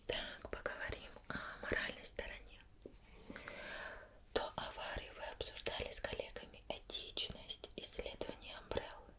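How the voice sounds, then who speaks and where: A woman roleplays an interviewer for ASMR, asking her questions slowly and softly. Her manner is formal and deliberate, with pauses between lines.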